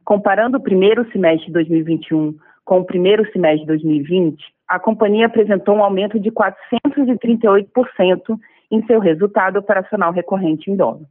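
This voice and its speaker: A woman with a Brazilian accent gives a scripted financial presentation, reading in a formal, measured way. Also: mid-range voice. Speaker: investor relations director. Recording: muffled lo-fi conference phone line.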